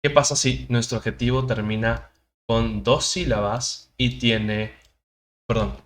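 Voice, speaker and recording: A man teaching an English grammar lesson, explaining rules step by step and drawing out his example sentences slowly, switching between languages. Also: mid-range voice, fairly even intonation. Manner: slow, deliberate, drawn-out English example sentences.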